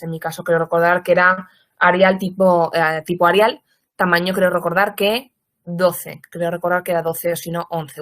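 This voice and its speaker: A woman lecturer with a lower voice gives an online training talk as a teacher, answering questions from the chat. Her delivery is measured and explanatory, with occasional self-corrections.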